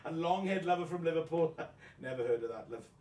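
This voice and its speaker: A man's voice: a little high, lively intonation, a little fast, dark tone, close to an everyday voice. Pantomime dame for a male actor: vain, gossipy, flirtatious widow, coy and gushing, recorded off-mic in a reverberant room. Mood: coy, amused. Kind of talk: pantomime dame performance in a mock celebrity interview. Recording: echoey room, distant microphone.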